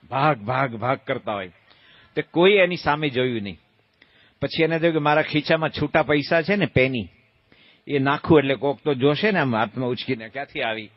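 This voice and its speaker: A man giving a humorous sermon as a monk, telling a folksy story and acting out shouted calls and quoted voices. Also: a little high, dry recording, lo-fi sound. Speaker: monk giving a religious discourse.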